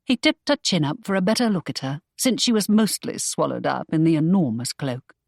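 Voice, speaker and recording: A woman narrating a historical romance audiobook in an expressive storytelling manner. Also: low voice, brisk, creaky, no echo, clean studio sound.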